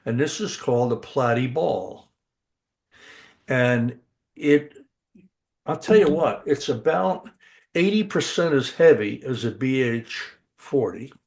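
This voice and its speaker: A man's voice: medium pitch, expressive, slow, gravelly, pauses often, darkish tone. An older man co-hosting a podcast, chatting with eager enthusiasm, restarting his sentences often. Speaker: podcast co-host. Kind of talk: casual podcast chat.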